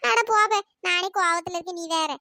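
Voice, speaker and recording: A performer voicing a bossy young woman, the groom's sister, scolding and teasing her friend in a high, sped-up cartoon voice. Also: fairly even intonation, fairly quick, pushed and bright, dry recording, studio quality, full character voice. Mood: sulky. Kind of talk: cartoon storytelling dialogue.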